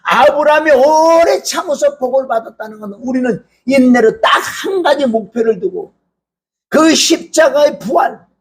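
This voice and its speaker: A male pastor preaching a fervent sermon. He swings between loud outbursts and low asides, and his voice cracks with emotion. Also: lively intonation, moderate pace.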